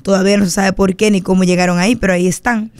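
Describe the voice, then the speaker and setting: A Dominican woman politician, a guest on a radio talk show, speaking in a lively way and repeating herself for emphasis. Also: medium pitch, rapid-fire, no echo. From Dominican Republic. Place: radio studio booth.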